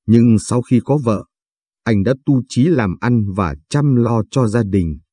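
Man narrating a story, calm and steady, dark mellow voice, dry close sound. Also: medium pitch, slow pace, breathy edge, dry recording.

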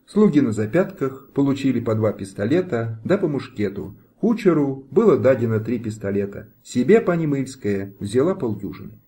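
A man reading a historical novel aloud as an audiobook narrator, in a steady, dramatic manner. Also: medium pitch, normal speed, hardly any pauses.

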